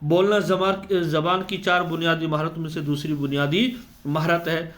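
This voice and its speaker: A man's voice: fairly high pitch, little pitch movement, fairly bright tone. A man giving an exam-prep lecture, who explains step by step and answers his own questions. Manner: slows down to spell out letter sounds. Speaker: teacher.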